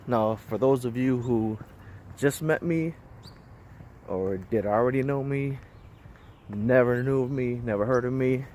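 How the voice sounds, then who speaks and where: A man's voice: mid-range voice, unhurried, pauses often. Breathless man in his thirties walking outside. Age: 30s. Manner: rambling, chatty, laughs between thoughts. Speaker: vlogger. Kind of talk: casual vlog talk. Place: outdoors on a busy street, walking. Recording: outdoor recording with loud traffic and wind noise.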